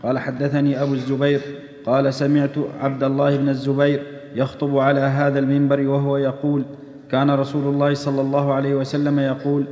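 A man reading religious texts aloud in a steady recitation. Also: medium pitch, fast talker. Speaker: reader of hadith text. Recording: echoey hall, dull old tape.

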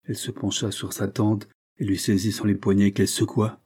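A man reading a classic novel aloud in a steady, measured audiobook narration. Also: on the low side, breathy edge.

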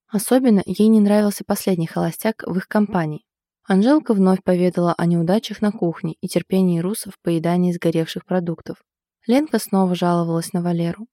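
Low, dark-voiced woman narrator. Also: no room sound, clean studio sound. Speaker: audiobook narrator. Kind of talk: read-aloud fiction narration.

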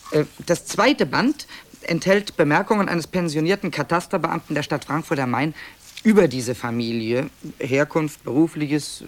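A man with a voice on the high side plays, in lightly acted fashion, a wry, digressive author who introduces found tapes in a radio play. As narrator he speaks conversationally and hesitantly, dryly matter-of-fact.

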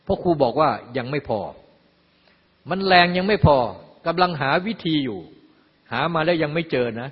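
Older guy preaching a dharma talk, kinda husky and highish, dull lo-fi sound with long hall echo. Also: expressive, normal speed. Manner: folksy, explains with everyday examples and asides. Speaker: Buddhist teacher.

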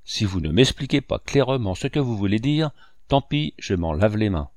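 A wily pirate cook, deferential and wheedling, as a male reader puts him on. The voice is fairly low and the sound is close and dry. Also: big pitch swings, moderate pace, darkish tone, dry recording. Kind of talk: audiobook dialogue reading.

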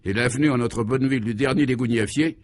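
A genial, chuckling colonial governor who patiently explains absurd things, as a man puts him on. He speaks a bit higher and fuller than a plain voice. It is comic radio serial acting. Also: quick pace, lightly acted.

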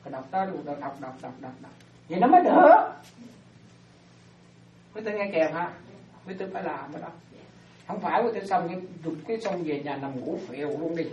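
A woman Buddhist teacher giving an animated dharma talk to lay followers, often checking that they follow. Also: lowish voice, a little fast, pauses often, slight background noise. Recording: roomy, distant, dull lo-fi sound.

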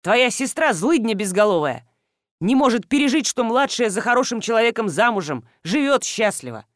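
A woman reading an audiobook, voicing a hot-tempered middle-aged male farmer who talks loud, scolding and mocking. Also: a little high, sing-song, normal speed, no room sound, studio quality. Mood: angry. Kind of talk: audiobook dialogue.

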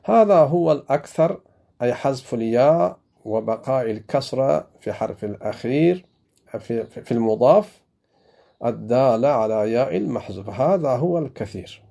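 A man's voice: medium pitch, expressive, normal speed, gravelly, warm tone. A man from Afghanistan, a religious teacher giving a grammar lesson and repeating each example several times.

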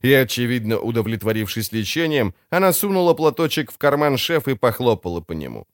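A male audiobook narrator reads with lively, expressive intonation, his pitch moving freely. The recording is dry and close to the mic. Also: brisk, dry recording.

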